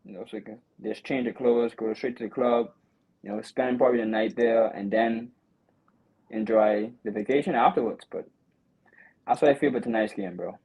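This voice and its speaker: A man hosting a casual sports chat, talking through a game in an animated way and peppering it with "you know" and "bro.". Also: medium pitch, normal speed, vocal fry, breathy edge, low-quality recording. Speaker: podcast host.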